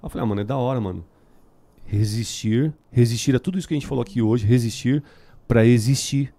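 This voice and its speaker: A man's voice: mid-range voice, racing, warm tone. A man with a São Paulo Brazilian Portuguese accent chatting casually in very slangy street talk, as a musician guest on a podcast. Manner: heavily slangy, filler-laden street talk. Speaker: band musician, interview guest.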